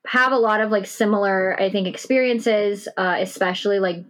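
A woman's voice: medium pitch, normal speed. Woman podcast host chatting informally. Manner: informal, hedging with "like" and "you know". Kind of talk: casual podcast conversation. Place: recorded in a shed.

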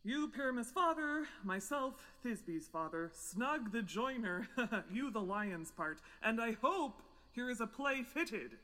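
An actor playing a fussy male carpenter who directs a village play and calls out the cast in a measured way. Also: medium pitch, lively intonation, sharp tone, in a large hall. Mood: directing. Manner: calls out names in a measured, slow way.

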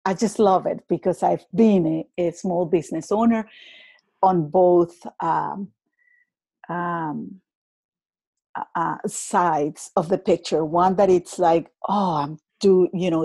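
A native Spanish speaker with a Venezuelan accent, this woman joins a podcast as a guest business coach in a casual interview. Her fairly low, dark, husky voice moves slowly and reflectively, full of fillers and repeated words. The recording is dry.

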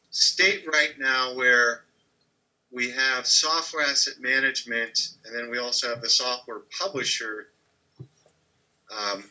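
A man's voice: medium pitch, sharp tone, poor audio. A man speaking as a podcast guest, earnestly explaining his work with a few uhs and ums. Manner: earnest, explanatory, uses fillers. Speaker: guest, training company head. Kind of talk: casual podcast interview.

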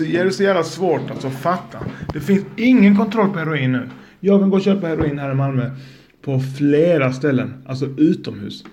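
A man's voice: on the high side, gravelly, darkish tone. A man hosting a podcast, ranting angrily and swearing emphatically. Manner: angry, profane, emphatic. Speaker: podcast host. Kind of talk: heated podcast rant.

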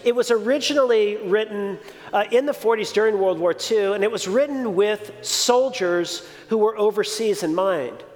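Pastor, forties, male, conversational reflective sermon delivery, higher voice. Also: normal speed. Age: 40s. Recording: reverberant hall.

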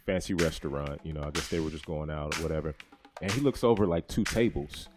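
A man's voice: a bass voice, quick pace, music in the background. A man on a podcast, telling a story in casual chat, laughing and quoting voices as he goes. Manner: animated, laughing, retells with quoted voices. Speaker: podcast co-host.

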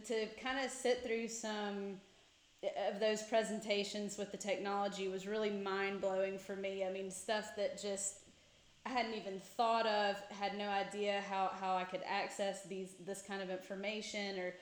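A woman's voice: mid-range voice, level tone, moderate pace. Enthusiastic woman on a roomy video call. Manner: enthusiastic, with many "I mean" and "you know" fillers. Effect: heard over a video call. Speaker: interviewer and tennis teaching pro. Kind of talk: casual interview chat.

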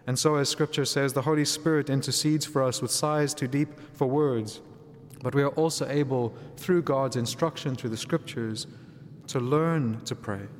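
Male priest, measured solemn homily and scripture reading, mid-pitched voice, long cathedral echo. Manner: measured, solemn liturgical delivery. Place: large reverberant church interior.

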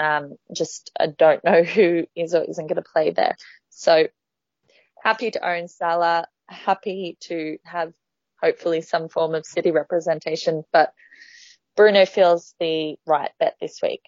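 A woman's voice: lowish voice, dry recording. A woman hosting a casual podcast, talking in a chatty way with frequent ums and restarts. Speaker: podcast host. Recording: dull, lo-fi dry sound.

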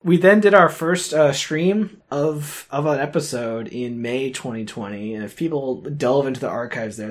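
Hesitant man chatting on a podcast. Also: mid-range voice. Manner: hesitant, many fillers and restarts, chuckling. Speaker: podcast co-host. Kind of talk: casual chat.

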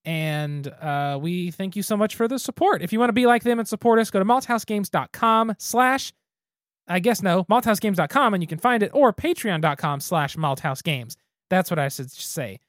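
Here the podcast co-host sounds high-pitched and animated, with a fairly bright tone at a moderate pace. He reviews a beer casually, musing aloud with restarts, and the studio sound is clean with no room sound.

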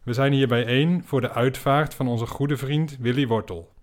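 A man's voice: medium pitch, steady tone, normal speed, close to an everyday voice. A man doing a chirpy hen host. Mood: cheerful. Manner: cheerful, cackling. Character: chirpy hen hosting a funeral.

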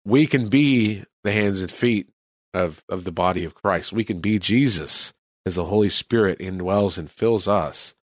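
A man's voice: deep voice, unhurried, no echo, clean studio sound. A man from California, a missionary, talking earnestly about faith in an interview. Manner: earnest, preacherly.

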